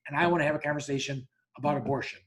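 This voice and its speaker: A man's voice: a little high, steady tone, very fast. A man hosting a casual podcast chat, telling a story bluntly with lots of restarts and acting out both sides of the dialogue, swearing freely. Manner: talks in repeated restarts and acts out both sides of quoted dialogue. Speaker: podcast host.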